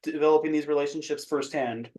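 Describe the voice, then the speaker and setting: Laid-back podcast host in an echoey room. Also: male voice, fairly high pitch. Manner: relaxed, quick to laugh and react. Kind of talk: casual chat.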